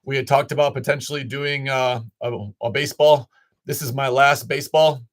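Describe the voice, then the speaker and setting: In a dry recording, a man with a mid-range, steady voice talks at a moderate pace as host of a live sports card break. He's from Illinois, greets viewers by name in casual chat, and his voice is a touch off.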